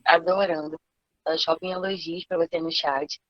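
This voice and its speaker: A webinar host on a video call who praises the speaker warmly before moving on to the questions. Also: mid-range voice, fairly even intonation, normal speed, no room sound. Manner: effusive, praising. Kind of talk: enthusiastic live-stream hosting. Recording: dull, dry lo-fi audio.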